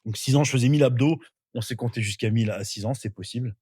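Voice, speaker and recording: A man's voice: mid-range voice, fast talker, dark tone, breathy edge, no echo, clean studio sound. A middle-aged man from northern France, a podcast guest telling his life story casually, with many fillers and restarts. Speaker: interview guest.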